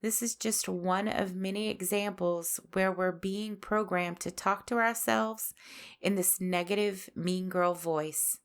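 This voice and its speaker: A woman's voice: medium pitch, fairly even intonation. A woman hosting a spiritual podcast, delivering a scripted monologue with sass and a preachy edge. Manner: slow, sassy, preachy delivery. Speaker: podcast host. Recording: faint music underneath.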